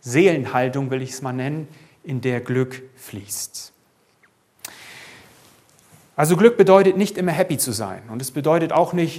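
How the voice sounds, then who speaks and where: A man's voice: fairly high pitch, darkish tone. Earnest German-speaking male preacher. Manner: earnest, conversational with tag questions. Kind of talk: sermon.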